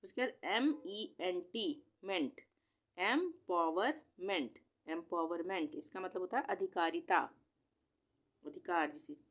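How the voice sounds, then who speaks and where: A woman's voice: lowish voice, measured pace. A woman teacher patiently sounding out long words letter by letter in a spelling lesson.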